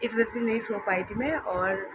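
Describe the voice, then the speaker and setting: A young woman talks through her day at home in a casual vlog. Her voice is hoarse and tired, and she rambles softly, repeating herself, at a middling pitch. Clear background noise runs under the recording. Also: normal speed. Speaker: vlogger.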